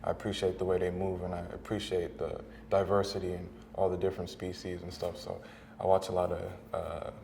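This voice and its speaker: Deep, flat-voiced male dancer in a hall. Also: fairly quick, creaky, a little hiss or hum. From United States. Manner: relaxed, many fillers. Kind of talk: casual self-introduction. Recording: hall with long reverb.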